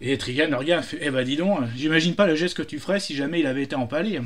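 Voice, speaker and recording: A man's voice: on the high side, fast talker. A man telling jokes casually, hesitant, with many fillers and restarts. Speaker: joke teller.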